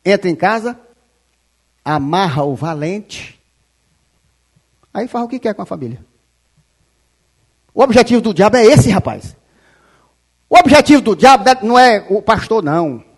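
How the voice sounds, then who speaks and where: A pastor preaching a fiery sermon, shouting and scolding the congregation, often calling them "rapaz". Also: male voice, high-pitched, very animated, measured pace, pauses often, husky. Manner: quotes scripture aloud.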